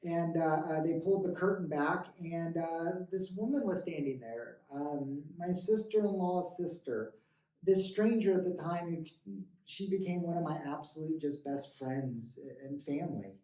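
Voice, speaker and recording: A man in his thirties telling his recovery story in an earnest, halting way, often stammering and restarting. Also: fairly high pitch, warm tone. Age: 30s. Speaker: guest sharing a recovery story. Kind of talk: emotional personal testimony. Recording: roomy, distant mic.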